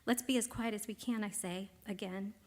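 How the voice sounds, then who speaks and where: A middle-aged woman reads her own essay to a synagogue congregation. Her delivery is quiet and measured, sinking at times almost to a whisper. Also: medium pitch, fairly even intonation. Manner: quiet, measured reading that drops to near whispers. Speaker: congregation member and teacher. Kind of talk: reading a personal essay aloud. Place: synagogue sanctuary.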